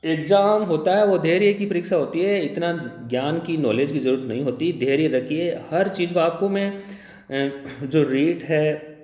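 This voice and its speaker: A man's voice: a little high, a little slow, a little mellow. Man teaching spelling in an echoey room. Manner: drills by repeating the wrong and right word forms; clears throat often. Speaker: Hindi grammar teacher. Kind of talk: exam-prep spelling lesson at a board. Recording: echoey room with long reverb.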